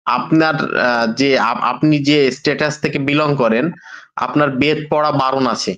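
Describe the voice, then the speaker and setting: A man speaking as a guest in a heated live debate, lecturing in a halting way. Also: on the high side, fairly even intonation, fairly bright tone, muffled recording.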